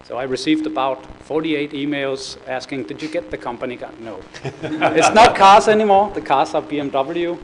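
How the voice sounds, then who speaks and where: A middle-aged Danish man with a Danish accent gives a business presentation in a conference room, his voice on the high side at a moderate pace. The rough recording picks up a crowd behind him, and he sounds hesitant, full of fillers, repeated words and restarts.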